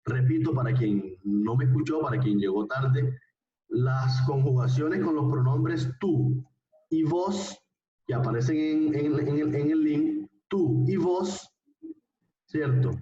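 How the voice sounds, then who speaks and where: A man's voice: mid-range voice, slow pace, mellow. A male language teacher giving a live online class, speaking patiently, repeating phrases and often checking that students follow. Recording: roomy, distant, dull online-call recording.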